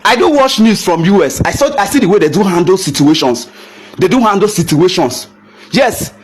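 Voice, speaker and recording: With slight background noise, a young adult Nigerian photographer rants heatedly to camera at normal speed, his high voice full of lively intonation. He mixes English with Pidgin and repeatedly throws out rhetorical questions.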